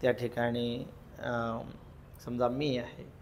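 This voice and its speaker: Laughing Marathi man teaching, slow and sing-song. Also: mid-range voice, level tone. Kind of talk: classroom lecture.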